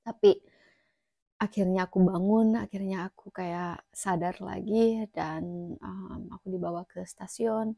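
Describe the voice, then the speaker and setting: A woman's voice: medium pitch, fairly even intonation, measured pace, creaky, dark tone, no room sound, studio quality. A young woman casually recounting her own story as a vlogger, chatty and full of fillers, sometimes dropping to a near whisper.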